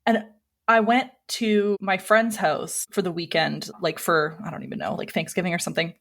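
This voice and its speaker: A woman's voice: fairly low pitch, fairly even intonation, normal speed, fairly bright tone. A woman in her thirties hosting a podcast, chatting casually and self-deprecatingly in a group conversation. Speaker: podcast host.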